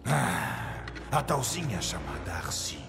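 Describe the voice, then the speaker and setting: An actor playing a scornful, menacing robot villain in an animated series dub, with a sinister drawl. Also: male voice, low voice, takes it slowly, vocal fry, over music, exaggerated voice. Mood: sinister scheming.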